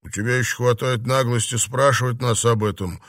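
A man's voice: mid-range voice, lively intonation, moderate pace, dry recording, studio quality, pitched above the performer's own voice, close to an everyday voice. A man voicing a smug, spiteful young overseer who mocks the others. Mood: mocking. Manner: mocking.

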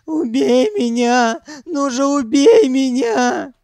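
A boastful young captive sobs and begs through his tears, his voice pushed high and shaky. The read is close and dry, with no room sound, in an audiobook. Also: big pitch swings, takes it slowly, creaky, darkish tone, no echo, full character voice. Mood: sobbing, wailing. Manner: wailing, pleading. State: crying.

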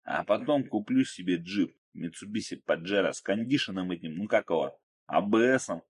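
A man voicing a brash, boastful, excitable man in an audiobook. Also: low-pitched, normal speed, slightly rough. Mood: boastful chatter. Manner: loud, boisterous, pushy.

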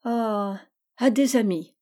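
A woman's voice: fairly high pitch, slow, dark tone. A woman reading aloud and voicing an indulgent, doting noblewoman mother in a storybook, speaking tenderly and coaxingly.

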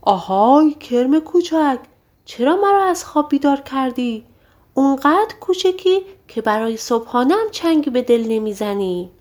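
A woman voicing a huge, cruel male giant who bellows slowly and scornfully in a storybook reading. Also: sits high, animated, darkish tone, pitched above the performer's own voice. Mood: furious.

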